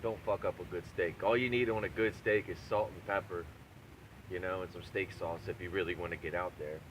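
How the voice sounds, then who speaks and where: Man, lowish pitch, profane casual ranting, brash, repetitive emphasis, slightly noisy homemade recording. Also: steady tone, a little fast, fairly bright tone. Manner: crude, brash, repeating himself for emphasis. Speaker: video blogger and home cook. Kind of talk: profane, casual rambling rant to camera.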